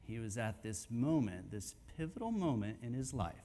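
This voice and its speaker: A man preaching a sermon at a men's conference in a church hall, emphatic and swinging from hushed to near-shouting. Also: medium pitch, big pitch swings, normal speed.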